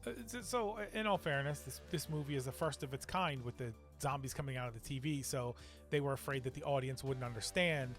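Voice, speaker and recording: A man's voice: medium pitch, a little fast, fairly bright tone, faint music behind. A man co-hosting a movie review podcast, talking casually and wryly, often laughing. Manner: wry, sarcastic, laughs often. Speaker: podcast co-host.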